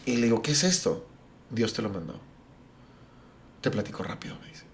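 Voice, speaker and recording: A man's voice: medium pitch, fairly quick, gravelly. A middle-aged man, a pastor and podcast guest, telling a personal story and acting out what others said. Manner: animated, acts out the dialogue of family and friends.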